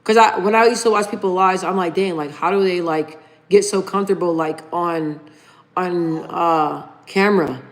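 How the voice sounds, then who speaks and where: In a lowish voice at normal speed, a thirtysomething woman runs a relaxed livestream. She talks informally with viewers, reads out their comments, and keeps addressing them as "you guys."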